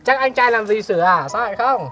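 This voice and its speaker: A woman's voice: fairly high pitch, brisk, fairly bright tone, soft background music. A woman co-hosting a family vlog, giving motherly advice and ending lines with friendly tag words. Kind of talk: casual chat.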